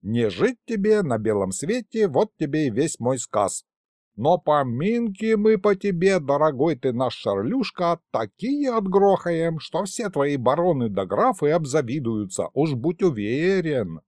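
A man doing a loud, cranky old grandfather. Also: a little high, sing-song, a little slow, no echo, studio quality, voice pushed up. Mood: lecturing. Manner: shouting, folksy old-fashioned speech.

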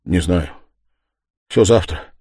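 A brooding young man, voiced by a male audiobook reader, speaks in curt, gloomy phrases, a little louder than the narration. The voice keeps to a low, somber register. The sound is dry and close. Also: slow, husky, dry recording, exaggerated voice. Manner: gloomy and abrupt. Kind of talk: audiobook character reading.

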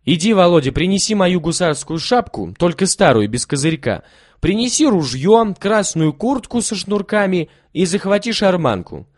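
A man voicing a scheming, bossy boy in a storybook reading, loud and commanding. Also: sits high, very animated, normal speed, no room sound, clean studio sound, voice pushed up. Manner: loud, coaxing, then commanding. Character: scheming, bossy brother who leads the game.

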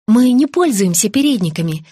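A woman's voice: a little high, sing-song, a little fast, dark tone, breathy edge, dry recording. Woman narrator doing a chirpy boastful mother, dry close read. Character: chirpy pretentious mother, middle-aged, boastful.

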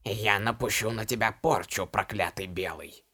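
Man voicing a hoarse old shaman woman. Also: sharp tone. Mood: menacing. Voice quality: low hoarse voice. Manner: slow, curt, menacing. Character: stern old female shaman, imperious and grim.

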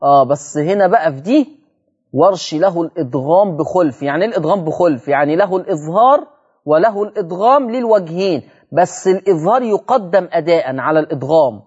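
A male Egyptian religious teacher gives a televised lesson on recitation. His fairly high voice repeats terms slowly and keeps checking with the listeners through rhetorical questions. The broadcast audio sounds muffled and lo-fi. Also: expressive, darkish tone, husky. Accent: Egyptian Arabic.

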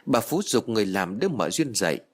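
Male audiobook narrator for a ghost story, husky and dramatic. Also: on the low side, big pitch swings, a little fast.

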